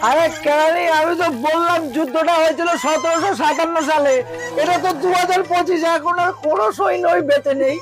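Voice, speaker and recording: Man playing a very high-pitched quarrelsome town drunk. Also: fairly even intonation, brisk, loud music behind the voice, rough recording. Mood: taunting. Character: argumentative town drunk man posing silly trick riddles. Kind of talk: comedy skit acting.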